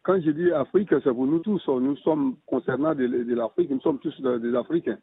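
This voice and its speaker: A man calling in to a radio show and leaving an answering machine message, speaking in a hesitant, halting way with many restarts. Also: medium pitch, slightly rough. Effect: answering machine message over a phone line. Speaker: listener caller. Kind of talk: voicemail left for a radio call-in show. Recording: tinny phone-line voicemail.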